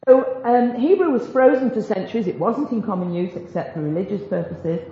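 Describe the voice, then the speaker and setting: Her warm, medium-pitched voice is expressive and fairly quick as she gives a group an easygoing Bible teaching talk about biblical Hebrew. She jokes around and pokes fun at herself, all heard through a roomy, dull lo-fi recording.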